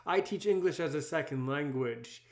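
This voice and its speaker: A man who teaches English as a second language hosts a conversational podcast interview, speaking at a moderate pace with a fairly high voice and lively intonation. He talks emphatically, often repeating words and phrases for effect.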